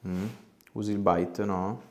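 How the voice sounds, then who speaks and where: Slow and flat, a man's deep, darkish voice guides a patient through treatment; he's a chiropractor in a small room. He keeps things calm and hands-on, speaking in brief directions and questions.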